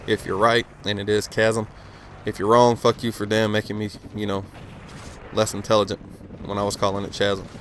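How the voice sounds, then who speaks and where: This gaming commentator, a late-twenties man, sits on the low side and delivers his words flatly at a fairly quick clip, with a slight hiss or hum in the audio. Standing outdoors by his house in the cold, he rambles loosely, curses often, and leans on fillers while stuttering a little.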